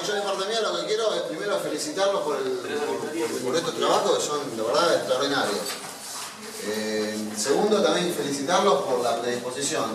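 A man with an Argentine accent giving a halting, informal speech of praise to students at a school expo, filled with fillers and restarts. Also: mid-range voice. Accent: Argentine Spanish. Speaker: school official addressing students. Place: large hall with a crowd, indoors. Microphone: far camera. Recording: echoey hall, far camera, noisy.

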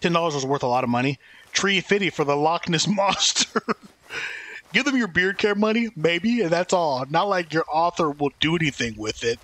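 A man's voice: fairly high pitch, moderate pace, a bit bright. A Texan man chatting loosely and joking while streaming a game, reading viewers' chat aloud. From Texas.

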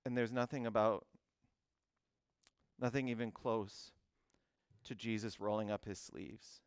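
A male pastor preaching a sermon, animated, often restarting words and phrases before driving a point home. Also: on the low side, unhurried, clean tone, dry recording. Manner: animated preaching with frequent repeated starts.

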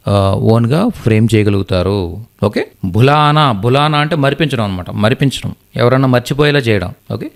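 A man's voice: fairly low pitch, vocal fry. A man teaching a live online class, patiently repeating each word and its translation. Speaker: Hindi teacher.

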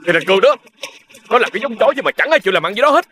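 A shouting, hot-headed gangster. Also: male voice, high-pitched, lively intonation, rapid-fire, a little hiss or hum. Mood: heated. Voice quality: shouting, heated, abrasive. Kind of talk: crime drama acting.

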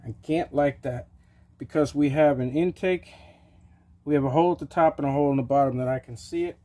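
A middle-aged man who hosts small-engine repairs narrates casually as he works at a home workshop bench open to the outdoors. Mellow and relaxed, his voice runs on the high side and a little fast, with a plain, practical explanation of each step and a casual "okay" here and there. The camera over the bench records him up close.

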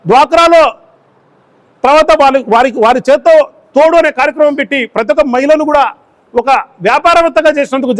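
A man, a local party in-charge, giving a political press statement full of repeated rhetorical questions. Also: extremely high pitch.

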